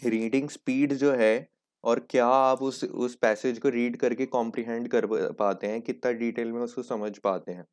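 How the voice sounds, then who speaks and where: A man teaching an exam prep lesson in casual Hindi-English, explaining patiently and reading English examples slowly. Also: mid-range voice, steady tone, a little mellow. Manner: explains patiently, repeats "ठीक है" often.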